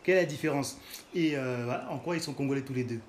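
A man's voice: medium pitch, fast talker, slight background noise. A man hosting a casual interview, asking questions and murmuring agreement with many fillers. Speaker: podcast host. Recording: echoey room with faint music.

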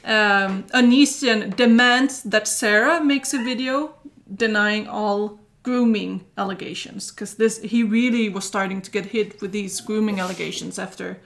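Woman, casual chat, storytelling, lots of fillers, mid pitch. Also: unhurried, vocal fry, a bit bright. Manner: chatty, recounts events with many fillers. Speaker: host recounting a story.

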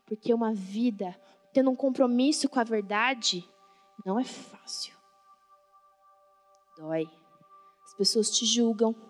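A woman's voice: a little high, measured pace, long pauses. A Brazilian woman preaching with fervent, colloquial energy, constantly questioning her congregation. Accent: Brazilian Portuguese. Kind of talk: sermon. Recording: reverberant hall, faint background music. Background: faint music.

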